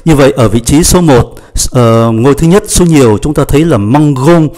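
A man teaching a French grammar lesson, patiently spelling out letters and slowly repeating each conjugation. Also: mid-range voice, darkish tone.

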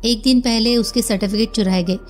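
A woman's voice: on the high side, steady tone, fairly quick, faint music behind, natural voice. A woman voicing a curious young male detective's assistant who asks eager questions.

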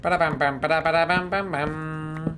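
A Spanish man in his thirties, with an accent from Spain, jokes and chats with viewers during a live game stream, humming sound effects as he plays. His voice is on the high side, with a steady tone and measured pace. He uses a headset in a small room, and music plays in the background.

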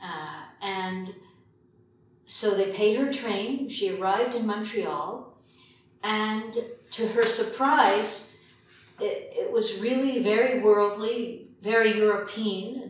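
Seated at a long table in an indoor meeting room, a documentary filmmaker from Quebec, Canada, an older woman with a medium-pitched voice, reflects in an interview. She frequently pauses mid-sentence. The room is highly reverberant, the microphone sits far off, and a little noise can be heard.

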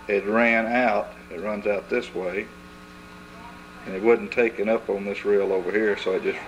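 A man's voice: fairly low pitch, a bit bright. Man on noisy old camcorder audio. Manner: plain, explains things step by step. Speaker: family member filming home movies. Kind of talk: casual home video chatter. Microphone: built-in camcorder mic.

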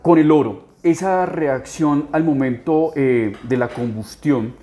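A man's voice: on the high side, slow pace, warm tone. Colombian male host, conversational interviewer, thoughtful, long winding questions.

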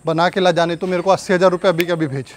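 High-voiced man angrily scolding. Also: little pitch movement, very fast, a little hiss or hum. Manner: scolding, angry, threatening. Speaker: prankster husband. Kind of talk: staged angry argument.

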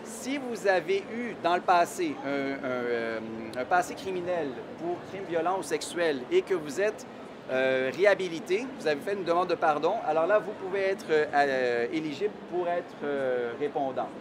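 A middle-aged immigration consultant with a Québécois French accent gives a conference presentation in a large exhibition hall, using a handheld microphone. His voice sits high for a man, and he explains things with frequent hesitations on "euh." Hall noise forms a clear wash behind him.

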